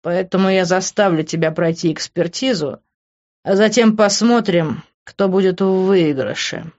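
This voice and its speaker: A woman's voice: on the low side, a little slow, a little mellow, muffled recording, close to an everyday voice. A woman voicing a sarcastic young man who speaks dryly and coldly. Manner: dry, clipped. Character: cold, sarcastic young man narrator-hero.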